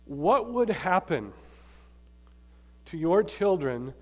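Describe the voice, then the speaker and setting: A man preaching a sermon to a live congregation, emphatic, swinging between loud bursts and quiet asides and quizzing the audience. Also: high-pitched, very animated, slow. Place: large church hall. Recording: long hall reverb.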